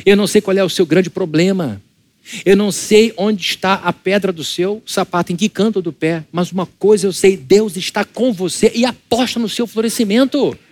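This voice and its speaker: The speaker is a married adult pastor, Brazilian Portuguese accented, whose chatty sermon keeps throwing rhetorical questions at the churchgoers. He talks at a normal speed in a high-pitched voice with a darkish tone.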